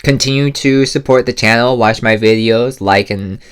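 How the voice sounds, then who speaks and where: A young man chatting casually while eating on a close, loud mic, rambling and hesitant, full of fillers. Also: mid-range voice, normal speed, smooth. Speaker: mukbang vlogger. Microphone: close mic, loud for ASMR.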